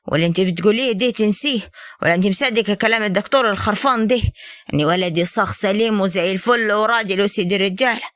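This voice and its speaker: A woman with an Upper Egyptian accent voicing a scheming, sharp-tongued older mother-in-law who scolds and orders people about. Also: medium pitch, no room sound, studio quality, close to an everyday voice. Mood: scolding. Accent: Upper Egyptian Arabic. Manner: scolding, sweet-talking then sharp.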